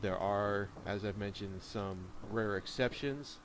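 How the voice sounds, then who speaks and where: A lowish male voice speaks slowly, casually commenting on a video game and rambling through explanatory asides. The game's ambience and noise stay steady behind him.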